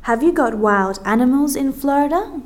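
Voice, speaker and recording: An Australian woman presenting a scripted language-lesson dialogue, speaking carefully and clearly for learners. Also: high-pitched, animated. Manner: slow, carefully articulated, as if for learners.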